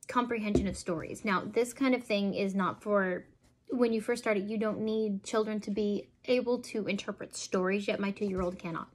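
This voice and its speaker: A woman in her thirties, a homeschooling parent, explains how to teach reading at home. Between her explanations she reads picture book lines aloud slowly, with exaggerated inflection. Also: mid-range voice.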